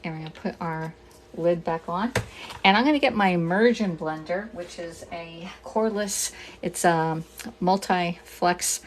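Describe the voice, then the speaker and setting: Chatty middle-aged woman cooking live. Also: fairly low pitch. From Pennsylvania, US. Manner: chatty, talks through each step, greets viewers, jokes with herself. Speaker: cooking demonstrator and kitchenware consultant. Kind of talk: casual live-streamed cooking demo. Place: home kitchen.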